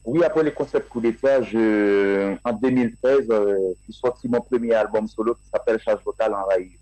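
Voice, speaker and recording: A man being interviewed about his music, answering in a halting way with many fillers and restarts. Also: lowish voice, mellow, dry recording, low-quality recording. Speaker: guest musician.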